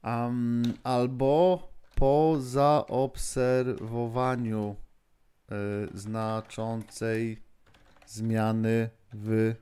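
A man's voice: medium pitch, level tone, extremely slow, dark tone, smooth. A man hosting a live-streamed lesson, thinking aloud with many fillers and restarts, chatting with viewers and moderators as he goes.

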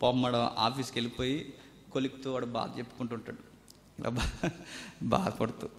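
A man preaching a sermon, swinging between loud emphatic lines and quiet asides, acting out the voices he quotes. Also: medium pitch, little pitch movement, normal speed, a little hiss or hum. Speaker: pastor. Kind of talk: Telugu sermon. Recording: roomy hall with long reverb.

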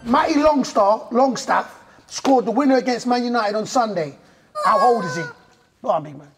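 A man in his thirties with a London accent, hosting a quiz with lively, slangy banter. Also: very high voice, moderate pace, over music. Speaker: quiz host. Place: industrial indoor studio with metal walls, seated apart from contestants.

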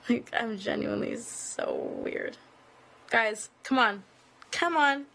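A young woman, a singer, chatting casually on a live stream, reading fan questions aloud and answering with lots of "like" and quick laughs. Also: fairly high pitch, gravelly, a bit bright, slight background noise. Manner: chatty, giggly, filler-heavy with frequent "like". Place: indoors at an office.

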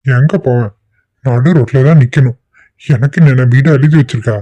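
A man voicing a dark-toned defiant young husband. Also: medium pitch, normal speed, dry recording, dull audio, close to an everyday voice. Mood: insistent. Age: 20s. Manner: defiant, insistent. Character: defiant young husband, 25, hot-headed son. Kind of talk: cartoon voice acting.

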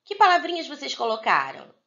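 A Brazilian woman teaching young pupils in a recorded video lesson, slowly spelling out words for the children. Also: high voice, wildly swooping pitch, creaky, pushed and bright, dull audio. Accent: Brazilian Portuguese. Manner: slow, drawn-out word-by-word dictation for young pupils. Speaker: primary school teacher.

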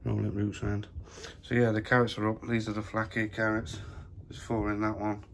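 A man with a low, monotone voice talks casually through a phone walk-through of his plot, full of fillers. Wind and outdoor noise sit clearly behind him. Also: moderate pace. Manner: chatty, plain-spoken, full of fillers. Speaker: allotment vlogger. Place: windy allotment outdoors, then a room at home.

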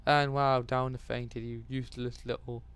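A man's voice: medium pitch, level tone, normal speed, a bit bright, smooth. A man doing casual Let's Play commentary, rambling off on chatty tangents. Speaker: gaming commentator.

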